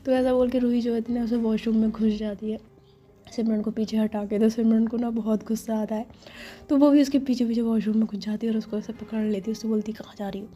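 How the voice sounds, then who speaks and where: A woman narrating a romance story in a soft voice that often drops to a whisper. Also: a little high, level tone, a little fast.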